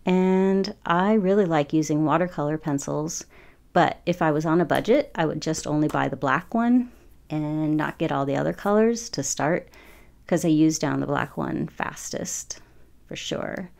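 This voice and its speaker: A woman's voice: deep voice, measured pace, vocal fry, a little mellow. A woman in her forties chatting casually over her painting process, rambling with frequent ums. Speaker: watercolor artist.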